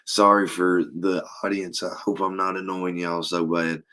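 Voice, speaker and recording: A man, co-hosting a sports podcast while losing his voice, reading stats haltingly with many fillers. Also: deep voice, little pitch movement, pushed and bright. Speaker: podcast co-host. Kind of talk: casual sports talk.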